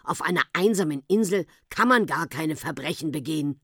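A woman's voice: on the high side, very animated, normal speed, dry recording, studio quality, voice pushed up. A woman voicing a stubborn, sensible uncle in a storybook reading, arguing his point. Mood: contrary. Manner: argumentative and reasoning.

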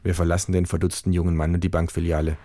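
A man's voice: sits low, little pitch movement, rapid-fire, mellow, a little hiss or hum. A man narrating a first-person story in a dry, understated way.

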